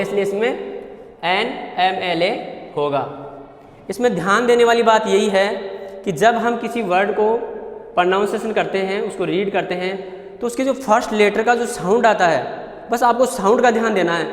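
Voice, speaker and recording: A male teacher with a Hindi accent, patiently explaining a grammar lesson. He repeats points and stretches sounds out slowly. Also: high voice. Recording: echoey room with long reverb.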